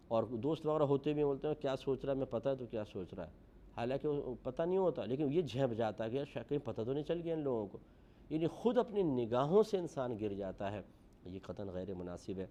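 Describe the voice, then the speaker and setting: A man delivering a religious lecture, earnest and moralizing, his voice rising for emphasis and then dropping low. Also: dark tone. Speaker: preacher.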